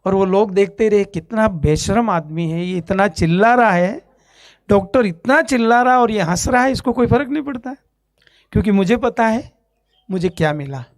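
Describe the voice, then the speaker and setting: A man from Ajmer, India, giving a spoken testimony from a church stage, telling his story in an animated way and acting out each voice in it. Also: sits high, normal speed, no echo.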